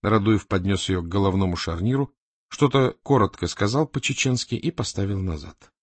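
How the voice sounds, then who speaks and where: A man narrating an audiobook in an expressive, animated reading style, close to the mic. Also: on the low side, normal speed, husky, dry recording.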